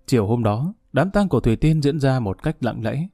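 A man calmly narrating a dramatic social story, reading slowly and steadily and lightly voicing the characters he quotes. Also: mid-range voice, dry recording, studio quality, faint music behind.

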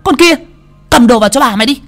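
Casting: a man doing a sour shrill snobbish daughter, very high-pitched, storybook. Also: lively intonation, fast talker, fairly bright tone, faint music behind, full character voice. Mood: haughty. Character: sour-tongued adult daughter, shrill and haughty.

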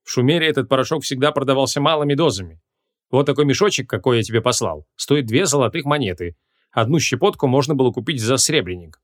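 Gruff ancient archmage, read by a man, imperious and quick-tempered, expressive, fantasy audiobook. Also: mid-range voice, lightly acted. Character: grumpy ancient male archmage, hot-tempered.

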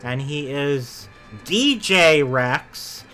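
Male podcast co-host, bright voice, loose rambling chat, faint music bed. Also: on the high side, lively intonation, drawn-out words. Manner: chatty, rambling, self-correcting. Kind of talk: casual chat about theme park attractions.

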